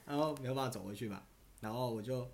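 A man with a Taiwanese Mandarin accent tells a story on a casual podcast. His pitch sits in the middle, and he rambles loosely. He stumbles over restarts and keeps laughing at his own tale. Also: fast, creaky. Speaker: podcast host.

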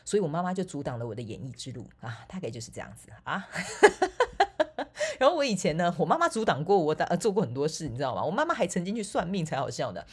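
Husky, playful Taiwanese woman. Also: low-pitched, very animated, very fast, hardly any pauses. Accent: Taiwanese Mandarin. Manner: playful and self-mocking, with frequent laughs and filler particles. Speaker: spiritual coach and online course instructor. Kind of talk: casual monologue vlog.

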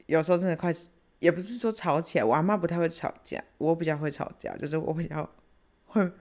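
A woman with a Taiwanese accent hosting a casual podcast, retelling a family story in an animated way and switching into Hokkien. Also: deep voice, fast. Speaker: podcast host.

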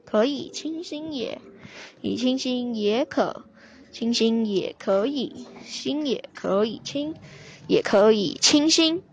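Brief: boastful young scholar read by a woman, high and unhurried, storybook reading. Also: expressive, a little hiss or hum. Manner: boastful, showing off.

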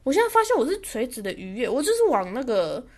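A woman's voice: a little high, wildly swooping pitch, fast, a little mellow. A young woman, hosting a podcast and telling a story in a chatty, self-amused way. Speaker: podcast host. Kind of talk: casual storytelling monologue.

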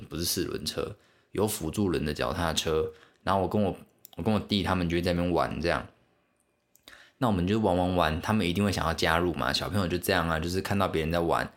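Deep-voiced man rambling in Taiwanese Mandarin. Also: fast talker. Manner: rambling, with many restarts and asides to the listener. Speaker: podcast host. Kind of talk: casual solo storytelling.

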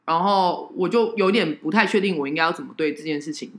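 A woman tells personal anecdotes in casual, animated, self-deprecating chat. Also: fairly low pitch, quick pace, reverberant. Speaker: show host telling personal anecdotes.

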